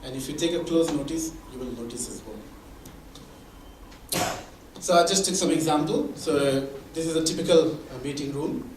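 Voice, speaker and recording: A man's voice: on the high side, moderate pace, darkish tone, slight background noise. A man giving a conversational talk at a mentoring event, explaining with examples and frequent restarts. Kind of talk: conversational presentation. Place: meeting room or hall. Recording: echoey room from far off.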